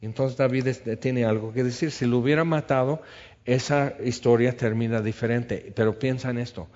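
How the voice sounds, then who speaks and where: A man's voice: mid-range voice, fairly even intonation, normal speed, a little mellow. A man preaching a sermon, animatedly acting out biblical dialogue. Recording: dull lo-fi sound.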